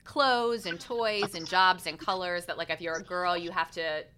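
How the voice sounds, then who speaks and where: A woman's voice: lowish voice, fairly even intonation, normal speed, bright, forceful tone, a little hiss or hum. A woman in her thirties co-hosting a podcast, chatting about parenting with lots of "like" and restarts. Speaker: podcast co-host. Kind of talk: casual chat.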